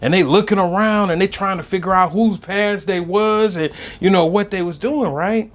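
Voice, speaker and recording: A man hosting a podcast, telling a comedic story and swinging between low muttering and loud outbursts. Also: moderate pace. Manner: fills his talk with "you know what I'm saying" and "right".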